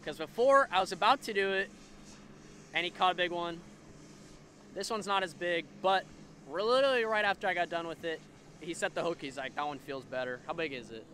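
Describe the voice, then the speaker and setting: A man's voice: high-pitched, fairly quick, pushed and bright, a little hiss or hum. A man in his twenties vlogging casually from a fishing boat on a lake, talking loosely to viewers he calls folks. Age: 20s. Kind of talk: casual on-the-water vlog. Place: outdoors on a bass boat on a lake. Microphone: camera mounted on the boat, close framing.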